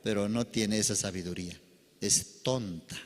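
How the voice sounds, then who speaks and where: A man preaching a sermon, telling a parable dramatically, with sudden loud outbursts and quiet drops. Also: lowish voice, normal speed, in a large hall. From Bolivia. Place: church service.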